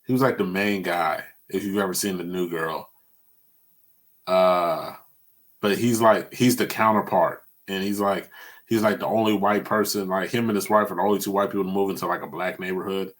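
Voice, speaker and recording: A young man hosting a podcast in casual chat, animated and laughing as he retells jokes. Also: sits low, moderate pace. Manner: animated storytelling, laughs a lot, sings bits of jokes. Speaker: podcast host.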